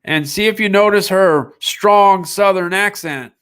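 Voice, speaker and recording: A man's voice: sits high, a little slow, fairly bright tone, clean tone. A man hosting a live sales stream, talking casually in a rambling way with restarts. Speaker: online sales show host.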